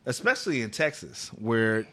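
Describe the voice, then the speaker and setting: Dude on a podcast ranting about work stuff, bright tone, cusses a lot. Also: male voice, medium pitch, very animated, normal speed. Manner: opinionated, swears, rambling. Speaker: podcast co-host. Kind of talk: casual chat.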